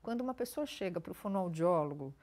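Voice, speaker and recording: Answering interview questions, a speech therapist explains how to care for the voice. Her voice sits on the low side, and she talks at a steady, measured pace, using plain, practical examples and a calm, teacherly tone.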